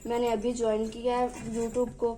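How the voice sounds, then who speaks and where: A woman's voice: fairly high pitch, completely flat delivery, normal speed, mellow, poor audio. A young woman hosting a home cooking tutorial in her kitchen, chatting as she works and pleading with viewers to subscribe. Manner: talks while cooking, voice drops off-mic at times. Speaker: cooking channel host.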